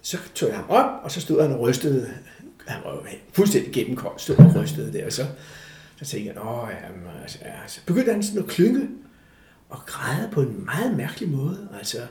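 An older man telling a story from his life in a casual interview, animated, acting out the voices of the people in it. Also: medium pitch. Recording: echoey room.

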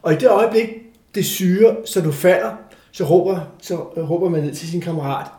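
An older man with a fairly high voice tells a personal story in a relaxed interview. He is animated and acts out the voices of the people he describes. The room is echoey. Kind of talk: casual storytelling.

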